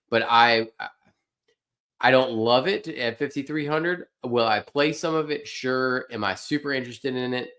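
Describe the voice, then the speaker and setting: A man's voice: medium pitch, fairly bright tone. A man hosting a casual fantasy sports livestream, talking loosely and bluntly and answering his chat, a little tired and yawning. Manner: loose, opinionated, talks to chat.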